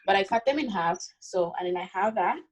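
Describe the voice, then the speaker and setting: A woman's voice: mid-range voice, animated, fairly quick, poor audio. A young woman from the Congo, a university student, chatting casually as she demonstrates a recipe, with many "like" and "um" fillers. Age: young adult. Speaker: cooking guest.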